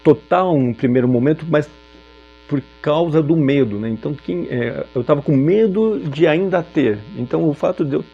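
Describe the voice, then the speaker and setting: Gravelly-voiced man telling a personal story. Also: on the high side, expressive, highs cut off, soft background music. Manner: reflective, halting with frequent filler pauses. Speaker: speaker sharing a personal story. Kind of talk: personal testimony.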